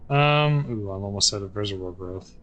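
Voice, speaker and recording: A man's voice: lowish voice, animated, moderate pace, fairly bright tone, dull audio. A man giving casual, sarcastic commentary while playing a game solo, thinking aloud as he goes. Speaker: gameplay streamer.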